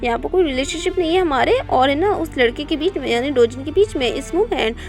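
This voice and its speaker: A woman's voice: sits high, expressive, brisk, soft background music. A woman reading the thoughts of a frightened young woman caught in a dangerous situation, in a pleading inner monologue. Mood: worried. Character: frightened young woman, time traveler, anxious.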